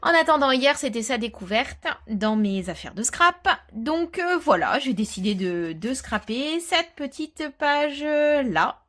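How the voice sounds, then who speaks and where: A woman's voice: high-pitched, expressive, a little slow, hardly any pauses. Chatty woman talking through a craft project. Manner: chatty, explains while working, with quiet muttered asides. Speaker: crafter presenting a scrapbooking tutorial. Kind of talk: casual step-by-step craft tutorial.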